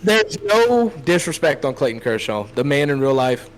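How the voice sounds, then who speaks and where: A man's voice: on the high side, very animated, normal speed, crowd noise, rough recording. A man appearing as a guest on a casual podcast, joking and rambling loosely. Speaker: guest streamer.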